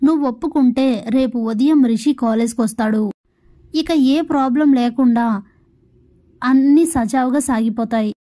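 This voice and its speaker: Scheming young man villain, woman reader doing him, mellow, slightly high voice. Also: moderate pace, lightly acted. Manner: plain retelling voice, barely acted.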